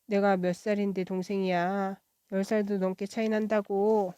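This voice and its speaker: A woman reading a children's novel aloud in a soft, even voice. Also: medium pitch, moderate pace, smooth. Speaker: children's book reader. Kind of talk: storybook read-aloud.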